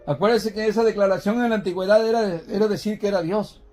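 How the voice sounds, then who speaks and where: A man with a high voice preaches a sermon in a church. He keeps putting questions to the congregation and calls them brothers, repeating and restarting words as he goes. Soft music plays faintly behind him. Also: fairly even intonation, fast talker.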